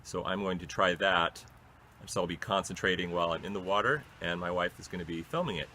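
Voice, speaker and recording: A man's voice: low voice, brisk, sharp tone. A man narrating casually to camera in a plain, matter-of-fact way, as a vlogger does. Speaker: vlogger doing an ice bath. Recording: noisy ambient home-video recording.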